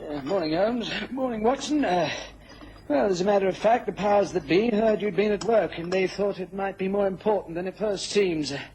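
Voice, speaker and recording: An actor with an English accent playing a slightly awkward police inspector in a radio drama, hesitant and explanatory. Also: male voice, sits high, a little fast, crowd noise, lightly acted. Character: Lestrade, male Scotland Yard police inspector, slightly awkward. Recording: noisy old radio recording.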